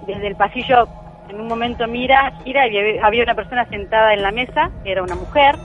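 Recounting a real ghost story as a guest, an Argentine Spanish-accented woman speaks earnestly and emphatically and returns to key phrases. She talks quickly in a higher voice, and the recording's highs are cut off.

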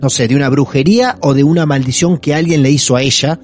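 A man's voice: medium pitch, quick pace. A man with an Argentine accent hosting a podcast, asking a guest short clarifying questions in a casual interview. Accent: Argentine Spanish. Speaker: podcast host.

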